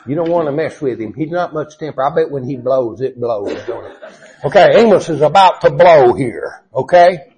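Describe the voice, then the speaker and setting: A man preaching a Bible lesson in a folksy, emphatic way, with loud scripture readings and quiet asides. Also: a little high, animated, normal speed, rough recording. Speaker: preacher teaching a Bible class.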